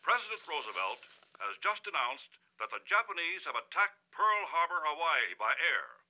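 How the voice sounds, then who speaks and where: An actor playing a 1940s newsreel announcer, reading a news bulletin in a formal announcer delivery. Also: male voice, a little high, big pitch swings, normal speed, sharp tone, exaggerated voice, low-quality recording. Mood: urgent. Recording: old radio and newsreel audio with music.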